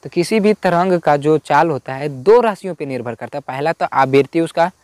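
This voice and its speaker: A man's voice: fairly high pitch, brisk, darkish tone, no room sound. A man teaching a school physics lesson in informal Hindi, repeating key points and asking himself questions before answering them. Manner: repetitive, asks and answers his own questions. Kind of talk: explaining homework answers.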